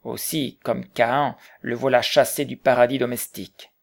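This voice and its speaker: A man's voice: mid-range voice, level tone, normal speed, vocal fry, close to an everyday voice. Man reading as an old Quaker, grave. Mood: earnest. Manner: earnest, pleading, gently reproachful. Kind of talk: audiobook character reading.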